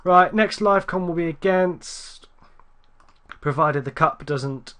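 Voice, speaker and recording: A man giving casual, rambling gameplay commentary, correcting himself often and getting excited at near misses. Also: on the high side, slow pace. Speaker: gaming YouTuber.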